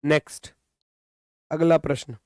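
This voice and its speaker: Man with a high voice, smooth and clear, dry close sound, online class teacher, repeats every step. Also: fairly even intonation, unhurried, no echo. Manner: scolding, repetitive explaining.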